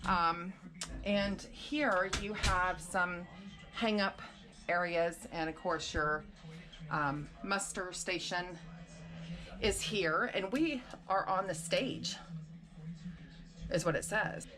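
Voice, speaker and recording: A woman's voice: fairly low pitch, slow pace, long pauses. A woman vlogger chatting casually as she walks through and shows a room, a little out of breath. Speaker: vlogger giving a room tour. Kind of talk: casual room tour narration.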